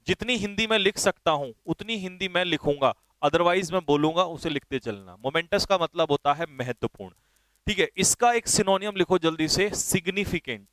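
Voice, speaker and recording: Male teacher, brisk and directive, slightly high voice, smooth and resonant, dry close sound. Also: animated, a bit bright, dry recording. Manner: brisk and directive, spells words letter by letter. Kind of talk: online vocabulary class.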